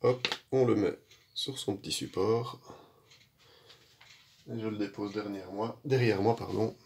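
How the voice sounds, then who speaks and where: A man giving relaxed, rambling commentary while demonstrating a shave, with many fillers and self-mocking asides. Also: fairly low pitch, unhurried, vocal fry, slight background noise. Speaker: shaving vlogger. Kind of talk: casual how-to commentary.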